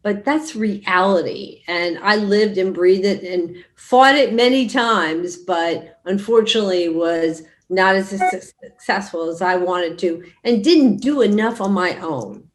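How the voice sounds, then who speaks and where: A woman's voice: medium pitch, measured pace, hardly any pauses. Candid woman panelist on a video call. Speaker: panelist, executive. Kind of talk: reflective panel answer.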